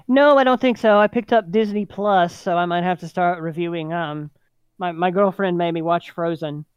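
A podcast co-host with a smooth, clean voice chats in an easygoing way, dropping in quick agreements and laughing easily. The sound is dry and close, with a slightly dull, muffled top end. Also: mid-range voice, no room sound. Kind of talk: casual chat.

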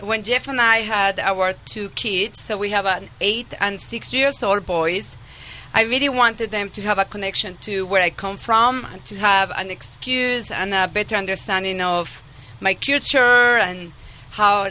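Colombian woman, non-native English, bright clear tone, patient explainer with ums, radio interview guest. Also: medium pitch. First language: Spanish. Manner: explanatory, many fillers and "um"s. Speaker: winemaker guest.

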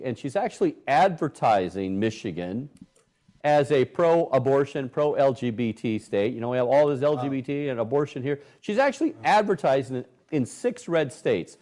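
A middle-aged man hosting a talk show, commenting on the news with indignation and animated, acted-out quotes. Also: mid-range voice, normal speed. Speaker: host. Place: Michigan.

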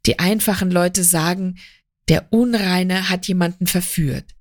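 A woman's voice: on the low side, unhurried, dry recording, studio quality, lightly acted. A woman voicing a tearful, remorseful young wife. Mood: pleading.

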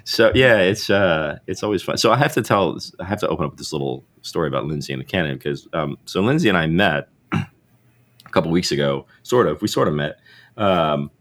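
A man with a very low, deep voice hosts a podcast over a remote setup. He sounds a little under the weather, his voice rough like he just woke up, and he rambles, restarts and chuckles as he talks. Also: lively intonation, fairly quick, a bit bright. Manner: rambling, self-correcting, laughs often. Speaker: podcast host. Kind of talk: casual interview chat. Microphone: remote call setup.

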